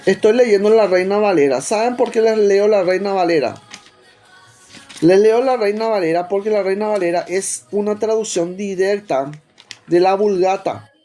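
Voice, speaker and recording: A man's voice: sits high, normal speed, mellow, soft background music. A man with a Rioplatense Spanish accent preaching a teaching sermon, stopping often to put rhetorical questions to his listeners.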